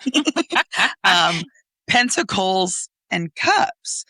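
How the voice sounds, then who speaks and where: A woman co-hosting a podcast, explaining things in relaxed casual chat with fillers and laughs. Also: on the low side, measured pace, creaky, no room sound. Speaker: podcast co-host.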